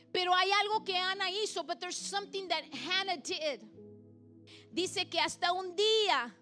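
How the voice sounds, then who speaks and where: High-voiced woman preaching slowly over music. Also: bright, forceful tone. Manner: preaches in Spanish, then repeats each point in English; earnest and pleading, with repeated halting restarts. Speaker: pastor. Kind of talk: bilingual sermon.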